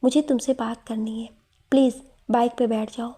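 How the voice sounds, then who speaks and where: A woman voicing a lovestruck, playful young male professor in a read-aloud story, with a warm, breathy voice. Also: a little high, fairly even intonation, moderate pace. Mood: pleading. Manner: teasing, pleading. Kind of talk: storytelling narration.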